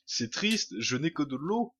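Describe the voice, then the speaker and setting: A man co-hosting a casual podcast, talking through a headset in a lively, self-mocking way. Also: fairly high pitch, unhurried, lo-fi sound. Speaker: podcast co-host. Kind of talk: casual chat.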